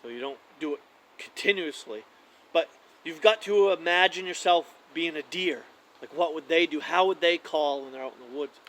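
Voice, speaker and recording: A man giving a casual how-to demonstration of hunting calls, talking in a relaxed, conversational way with frequent fillers and restarts. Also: on the high side, normal speed, poor audio.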